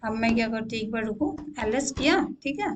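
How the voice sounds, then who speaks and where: Young woman instructor, high voice, patient step-by-step screen-share teaching with frequent check-ins, faint noise. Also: expressive, brisk. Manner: repeats "ठीक है" to check in, asks questions aloud. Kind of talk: screen-share coding tutorial.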